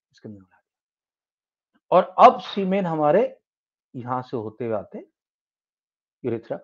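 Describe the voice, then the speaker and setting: Indian tutor guy, kinda high voice, explaining stuff bit by bit, muffled lo-fi audio. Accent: Indian English. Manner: explains step by step, mixing Hindi and English, with many restarts. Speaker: science tutor. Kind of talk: classroom lecture. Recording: dull lo-fi sound.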